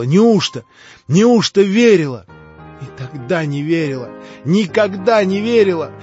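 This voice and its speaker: Man voicing Katya, a proud anguished young woman. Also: close to an everyday voice. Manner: high, strained pleading. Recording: dull lo-fi audiobook with faint music.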